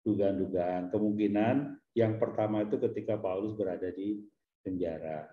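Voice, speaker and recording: A man, a priest, explaining things in an easygoing, teacherly way during a relaxed talk. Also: fairly low pitch, moderate pace, reverberant, phone-quality sound.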